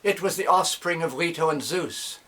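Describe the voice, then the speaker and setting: A man narrating epic poetry in dactylic verse, with a measured, declamatory delivery that follows the metre. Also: fairly high pitch, bright, forceful tone. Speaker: reciter, narrator.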